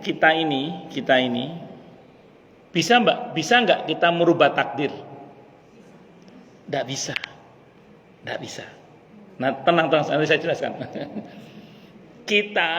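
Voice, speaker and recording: Male preacher, slightly high voice, repetitive and questioning, echoey dull mosque recording. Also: fairly bright tone, a little hiss or hum. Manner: repetitive, asks the audience questions. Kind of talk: sermon to a women's study group. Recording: echoey hall, dull lo-fi sound.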